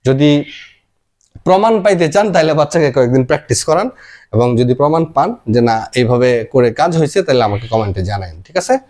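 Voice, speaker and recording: A man's voice: mid-range voice, expressive, quick pace, darkish tone. A man giving a casual lesson, spelling out letters one at a time and explaining pronunciation to parents. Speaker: teacher.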